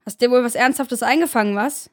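Woman doing a loud brash dealer guy. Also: a little high, brisk, natural voice. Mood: brusque. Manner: shouting, slangy and blunt. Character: loud chain-smoking male drug dealer, brash and coarse.

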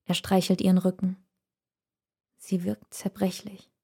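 A woman narrating an audiobook in a calm, measured way. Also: mid-range voice, vocal fry, breathy edge.

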